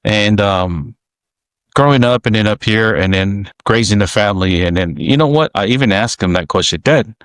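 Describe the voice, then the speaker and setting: A man from American Samoa hosting a podcast, telling stories in a relaxed, reminiscing way with halting restarts. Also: lowish voice, dry recording. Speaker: podcast host. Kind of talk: casual podcast storytelling.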